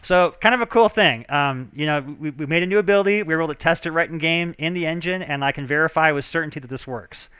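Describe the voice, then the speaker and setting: Man, game developer streaming live, chatty, thinks out loud with fillers; crisp, bright tone, dry close sound, a touch lo-fi. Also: fairly high pitch, quick pace, few pauses, no echo. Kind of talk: casual live-stream walkthrough.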